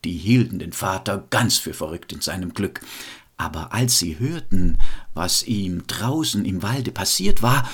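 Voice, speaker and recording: A man telling a fairy tale in a lively, expressive storytelling style. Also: fairly low pitch, husky.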